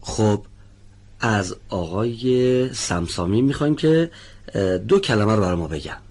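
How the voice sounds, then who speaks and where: Man, teacher, low-pitched voice, husky, patient, studio lesson. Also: expressive, a little mellow. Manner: patient, careful, calls on students one by one. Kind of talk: televised pronunciation lesson.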